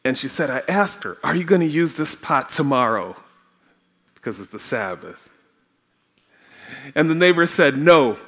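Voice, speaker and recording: In a church sanctuary, a man from Trinidad delivers a sermon in a slightly high, fairly bright voice with lively intonation and a breathy edge. His Trinidadian-accented storytelling is slow and personal, punctuated by frequent laughter.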